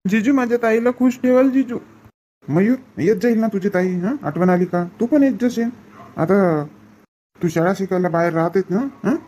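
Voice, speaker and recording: Brief: a man playing a gentle village father, mellow husky voice, soothing repetitions. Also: high voice, normal speed, rough recording. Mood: pleading. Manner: soft, pleading, repeats comforting phrases. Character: rural father and relatives at a daughter's farewell, tender. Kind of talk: village comedy skit acting.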